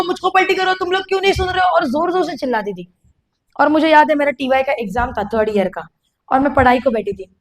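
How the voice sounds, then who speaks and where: Woman preacher, high voice, candid confessional testimony, talks straight to the congregation. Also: poor audio. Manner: candid, confessional, addresses the audience directly. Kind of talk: testimony sermon.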